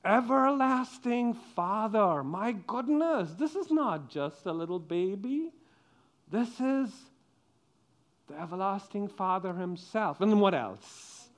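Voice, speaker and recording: A man's voice: high-pitched, expressive, slow pace. A man giving a playful children's sermon as pastor, coaxing the kids and the congregation with questions.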